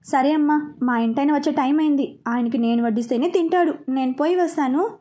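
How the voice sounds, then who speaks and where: A woman's voice: sits high, fairly quick, dark tone, close to an everyday voice. A woman voicing a polite, dutiful housemaid in a storybook reading.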